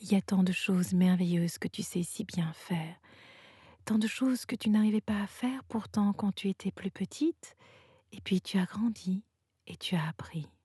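A wise, gentle unicorn speaks in a hushed, teasing murmur, whispered by a woman telling a bedtime story. The voice is very airy and mellow, and it moves slowly. It sits dry and close, a whispered role-play. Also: medium pitch, breathy edge, dry recording. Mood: reassuring. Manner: soft and teasing.

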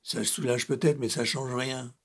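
A man's voice: medium pitch, fairly even intonation, measured pace, slightly rough. A man voicing a sad, lonely male lion, king of the animals, who grumbles and growls as he talks in a children's story. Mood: sulky. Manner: grumpy, growling, sighing.

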